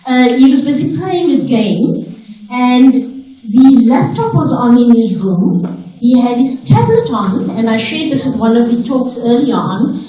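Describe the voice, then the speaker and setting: A woman's voice: on the high side, lively intonation, unhurried, warm tone, dull audio. A woman in her fifties hosting a conference, telling chatty, joking family stories to the audience. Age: 50s. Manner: chatty, jokey storytelling with acted quotes. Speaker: event host. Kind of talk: live conference emcee speech with anecdotes. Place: large conference hall. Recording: echoey hall, distant mic, audience behind.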